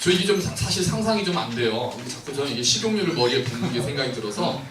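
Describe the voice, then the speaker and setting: Lively, animated male pastor. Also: medium pitch, racing. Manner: playful, questioning, acts out the scripture scenes. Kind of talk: lively sermon to a congregation with children. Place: church sanctuary. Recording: roomy church hall, mic at distance, faint noise.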